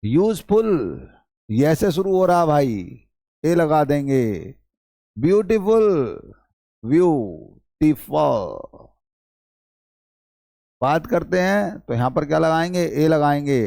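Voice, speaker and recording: A male teacher runs a classroom-style English lesson, pitched a little high. He keeps firing questions at the class and repeats each point, calling his students brother. The sound is dry and close. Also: animated, a little slow, vocal fry, a little mellow, dry recording.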